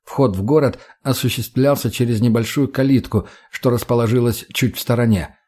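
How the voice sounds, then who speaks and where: A man narrating an audiobook in a steady storytelling voice. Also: medium pitch, normal speed. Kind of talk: scripted narration.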